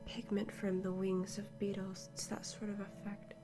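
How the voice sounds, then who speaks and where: A woman playing a calm, absorbed archaeologist in a hushed, monotone whispered role-play, speaking in a measured way close to the microphone. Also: medium pitch, music in the background, natural voice. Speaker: ASMR performer. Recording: clearly noisy close-mic recording.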